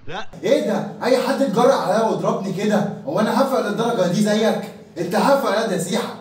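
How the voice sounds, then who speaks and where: A man's voice: high voice, fast talker. A young man with an Egyptian Arabic accent, boasting and teasing his friend in a comedy sketch, recorded far from the mic in an echoey room.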